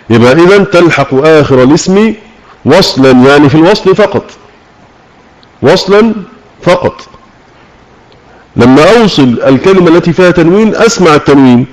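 A man teaching a Tajweed lesson, slowly repeating key words and asking and answering his own questions. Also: a little high, darkish tone, low-quality recording. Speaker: Quran recitation teacher. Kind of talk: religious lesson on Tajweed rules. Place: online voice chat room.

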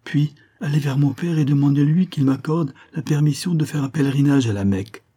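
A man's voice: fairly high pitch, brisk, warm tone, breathy edge, voice pushed up. A man reading an audiobook, voicing a lovesick young man who pleads and laments in despair. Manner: plaintive, pleading.

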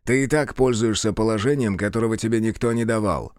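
A man voicing a gruff, short-tempered male general in his seventies who speaks slowly and barks orders in an audiobook. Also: on the low side, no room sound, clean studio sound, close to an everyday voice. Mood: stern. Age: 70s. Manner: slow, clipped, barking orders.

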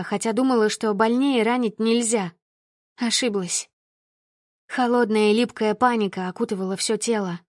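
A woman's voice: a little high, no echo, clean studio sound. A woman narrating an audiobook in the first person with intense, emotional reading.

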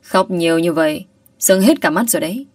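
A woman voicing a gentle, apologetic young man who is a teacher, in an audio story. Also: on the low side, lively intonation, brisk, no echo, studio quality, recorded from a distance, close to an everyday voice. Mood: tender.

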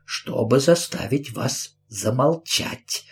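A man voicing a prim middle-aged witch, slow and brooding, with a menacing edge. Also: on the high side, lively intonation, pitched above the performer's own voice, natural voice. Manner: slow, brooding, menacing, then suddenly sweet. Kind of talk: audiobook character voice.

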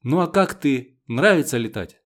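Guy doing gentle worn-out mom, middle-aged, fussy and tender, audiobook. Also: medium pitch, expressive, normal speed, close to an everyday voice. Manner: gentle, fussing. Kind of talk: audiobook character voice.

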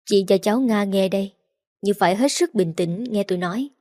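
A woman's voice: mid-range voice, a little fast, mellow, dry recording, clean studio sound, lightly acted. A woman reading the part of a resolute older man who speaks bluntly.

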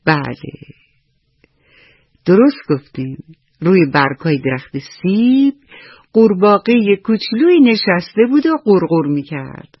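A woman storyteller reading a bedtime story to children on radio, gently asking them questions as she goes. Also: medium pitch, big pitch swings, pauses often, slightly rough, no room sound. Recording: dull radio recording with faint music.

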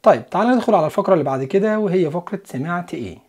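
A young man with an Egyptian Arabic accent teaching an English listening lesson, talking fast and energetically and slowing down for drilled example sentences. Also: high voice, expressive, a little mellow, breathy edge. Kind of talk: lively online language lesson.

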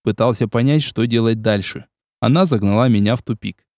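A man narrating an audiobook in a calm, even storytelling manner. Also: medium pitch, fairly quick, no room sound. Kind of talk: scripted narration.

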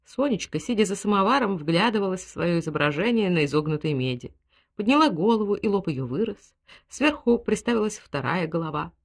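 A woman's voice: fairly low pitch, lively intonation, a little fast. A woman reading a literary story aloud as an audiobook narrator, telling it expressively. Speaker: audiobook reader. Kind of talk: scripted narration.

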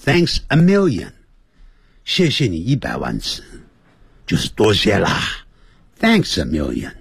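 A man hosting a radio language lesson, speaking slowly and drilling each phrase over and over. His voice is a little husky, his pitch swings widely, and he jokes with his listeners as he goes. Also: dry recording, clean studio sound. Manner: animated, drills pronunciation by repeating phrases. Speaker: English teacher on radio.

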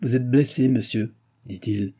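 A man voicing a calm, courteous young officer who speaks formally. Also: medium pitch, a little slow, slightly rough. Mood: composed.

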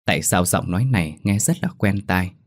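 A man's voice: sits low, expressive, fairly quick. A man narrating a first-person horror story in a dramatic, exclamatory manner. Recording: faint background music.

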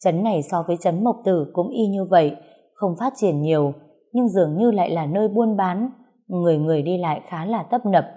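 A woman narrating a novel as an audiobook, reading in a steady, unhurried way. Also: lowish voice, slightly rough.

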